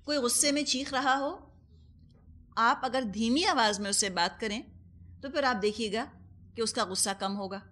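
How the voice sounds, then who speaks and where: Woman teaching quran tafseer, pakistani urdu accent, bit high voice, patient examples, mixes in english words. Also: long pauses, a bit bright. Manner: explains patiently with everyday examples and questions to listeners. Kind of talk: Quran commentary lesson.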